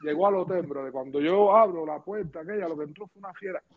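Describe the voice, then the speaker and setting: A middle-aged man with a Cuban accent, a former pitcher telling anecdotes casually in an interview, slangy and lively, acting out the dialogue. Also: fast. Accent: Cuban Spanish. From Cuba. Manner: lively storyteller, slangy asides, acts out dialogue. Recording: muffled lo-fi podcast audio.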